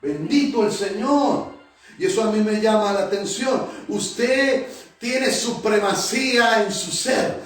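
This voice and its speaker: Man, pastor, emphatic sermon, high voice, distant from the mic. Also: slow, soft background music. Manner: emphatic, repeats phrases, preaching to a congregation. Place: church hall. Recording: very echoey church hall, mic at a distance.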